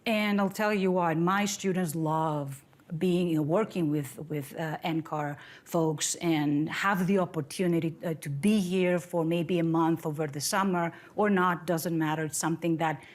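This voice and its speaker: A woman's voice: fairly low pitch, steady tone, a little slow. A middle-aged woman from Greece giving an academic seminar talk in a conversational, friendly way, with fillers and restarts, at a podium in a lecture room. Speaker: seminar speaker, professor.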